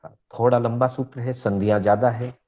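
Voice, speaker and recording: A man teaching Jain scripture, slowly reciting Sanskrit sutras, repeating each one, and patiently explaining them to his listeners. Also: mid-range voice, fairly even intonation, dark tone, highs cut off. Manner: patient, addresses listeners as brothers.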